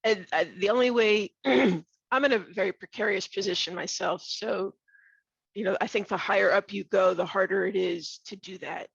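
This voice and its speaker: A middle-aged woman talks bluntly on a video call, her voice rough, gravelly and husky because she is losing it. She halts and restarts as she thinks. The sound is dry and a little muffled. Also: medium pitch, steady tone, no room sound. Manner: blunt, candid, halting with restarts. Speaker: webinar participant. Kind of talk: casual discussion on a video call.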